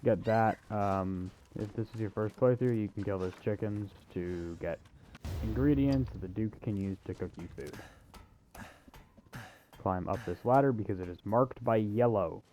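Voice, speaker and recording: A man narrates a video game walkthrough off the cuff, offhand and self-deprecating, in casual unscripted gameplay commentary. His voice is lowish and warm, moving at a normal speed, with slight background noise.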